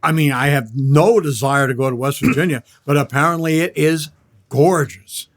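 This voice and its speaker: An older man, a podcast guest, chatting casually and telling relaxed travel stories with dry humor. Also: fairly high pitch, moderate pace.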